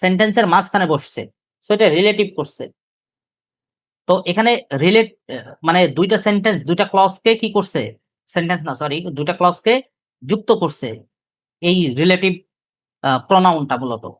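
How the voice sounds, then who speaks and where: Giving a live grammar lecture, a male teacher with a high voice and Bangladeshi Bengali accent asks his students questions again and again and repeats central terms slowly. The recording is studio quality, free of echo.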